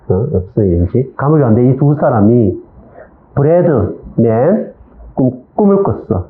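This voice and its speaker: A middle-aged man, a pastor, retells a Bible story in an informal lecture, repeating himself and mixing simple English words into his speech. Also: medium pitch. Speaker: pastor teaching a Bible overview. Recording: echoey, phone-like lo-fi lecture recording.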